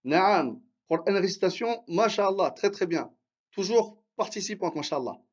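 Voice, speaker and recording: A man with a high voice speaks slowly as he teaches a live online lesson. He drills syllables one by one and praises students by name as they answer. The stream audio is dull and lo-fi. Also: expressive. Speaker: Arabic teacher.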